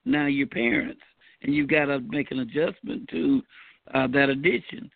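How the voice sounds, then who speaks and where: A man co-hosting a casual faith-based talk show, laid-back and folksy, pausing often with fillers. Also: mid-range voice, vocal fry, no room sound, phone-quality sound. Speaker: podcast co-host.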